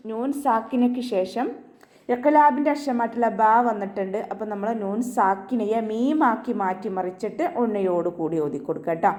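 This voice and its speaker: A woman teaching Quran recitation in an online class, explaining each sound step by step with gentle reminders. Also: fairly high pitch, normal speed. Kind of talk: online tajweed lesson.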